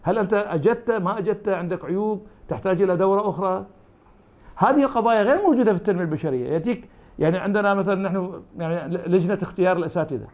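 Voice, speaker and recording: Phone-quality audio carries a man from Iraq whose voice sits high and comes rapid-fire in an Iraqi Arabic accent. Appearing as an academic interview guest, he argues through invented dialogues.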